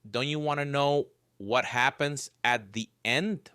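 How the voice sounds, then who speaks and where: A man doing a calm, fake-friendly haunted radio voice. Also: mid-range voice, unhurried, clean tone, no room sound, clean studio sound. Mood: coaxing.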